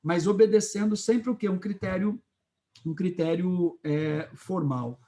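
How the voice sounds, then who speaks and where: A male literature teacher with a Brazilian Portuguese accent and a fairly high voice lectures to his students. He talks in a lively way, and he keeps pausing to make sure the class is following him. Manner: lively, checks in often with the class.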